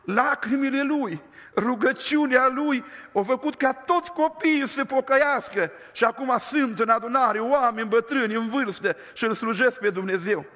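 High, bright older preacher in a reverberant hall. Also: male voice. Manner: emphatic, slows words for stress. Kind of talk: storytelling sermon. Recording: long reverb of a large hall.

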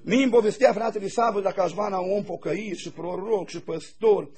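A man, a pastor, preaching a sermon in a folksy, animated storytelling way with laughing asides. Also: high voice. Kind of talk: sermon with anecdotes.

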